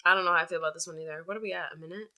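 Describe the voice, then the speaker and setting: A young woman co-hosting a podcast, chatting casually with frequent giggles and quick asides. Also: on the low side, steady tone, bright, forceful tone. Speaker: podcast co-host. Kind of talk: casual chat.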